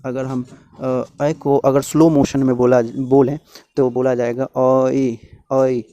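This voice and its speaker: A man teaching in a slow, patient way, sounding out each letter on its own and going over points again. His voice is mellow and warm, recorded close and dry with no room sound. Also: medium pitch, little pitch movement, no room sound, dull audio. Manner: slow, repetitive, spelling sounds out one by one. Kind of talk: explanatory lesson.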